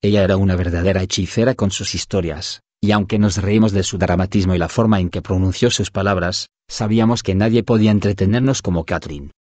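Narrating an audiobook from a script, a low-voiced man speaks steadily and evenly, fast and with few pauses. Now and then he reads punctuation marks aloud, and the sound is close and dry with no room echo.

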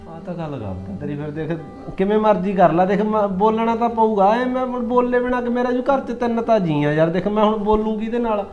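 A man's voice: high voice, brisk, hardly any pauses, music in the background, close to an everyday voice. A young man playing a joking husband who wheedles and pleads to win over his sulking wife. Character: coaxing young village husband. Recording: echoey, slightly muffled.

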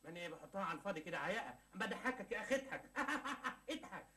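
A cheeky Egyptian office clerk in a TV sitcom, always teasing and cracking jokes. His voice is on the high side, and he rattles off his words at a very fast clip. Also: animated, bright, forceful tone. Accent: Egyptian Arabic. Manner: teasing, joking, laughs at his own jokes. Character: cheeky joking office clerk, grown man. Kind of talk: 1980s Egyptian TV sitcom acting.

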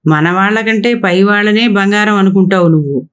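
A woman's voice: medium pitch, normal speed, smooth, lightly acted. A woman voicing an agitated, bitter young married man in a storybook reading, talking in a complaining, sarcastic way.

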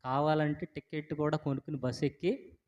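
A man's voice: on the high side, steady tone, normal speed, muffled recording. A man with an Andhra Telugu accent preaching a sermon as pastor. He questions the congregation, prompts their answers and rises to fervent declarations. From Andhra Pradesh, India. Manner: rising to fervent shouted declarations. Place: church hall. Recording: church hall with long reverb.

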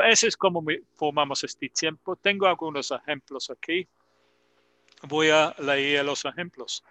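A man teaching English grammar in Spanish to students on a video call, slowly repeating example sentences to model pronunciation. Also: fairly high pitch, pushed and bright, clean tone, no echo. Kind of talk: online class explaining grammar.

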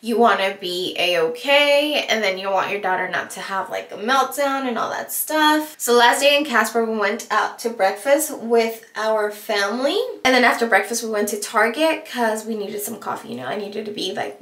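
A woman's voice: mid-range voice, normal speed, hardly any pauses, fairly bright tone. A young woman from California telling a story to her viewers in a casual, chatty way while doing her makeup. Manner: chatty, filler-heavy, addresses viewers directly. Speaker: beauty vlogger. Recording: roomy echo.

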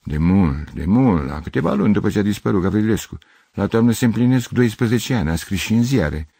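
A man's voice: lowish voice, lively intonation, gravelly, dark tone, slightly rough, no echo, full character voice. An older man voicing a plain-spoken tavern keeper telling what he knows. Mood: matter-of-fact.

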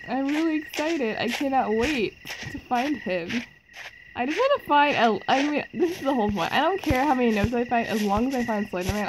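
Giggly, excitable woman narrating a game. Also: sits high, background noise. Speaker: mobile game player. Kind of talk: casual game commentary.

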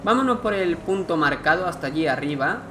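A man commentates his gameplay in a chatty, thinking-aloud way, reading the on-screen text aloud. His voice sits fairly high for a man. A steady noise runs clearly under the recording. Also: fairly quick. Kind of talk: let's play commentary.

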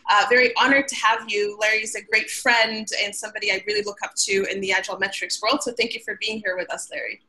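A woman's voice: mid-range voice, fairly even intonation, fast talker, hardly any pauses, pushed and bright, rough recording. A woman from Sudan hosting a webinar over a video call, upbeat and peppered with filler ums. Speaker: webinar host. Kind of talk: webinar presentation. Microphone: webcam on video call.

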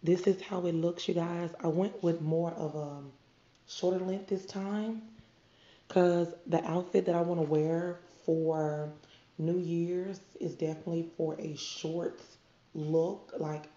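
A beauty vlogger with a cold and a stuffy nose chats to viewers while unboxing products, calling them "you guys." Her voice is lowish, steady, slow, and dark in tone. She's in an indoor room, and the recording sounds muffled and echoey.

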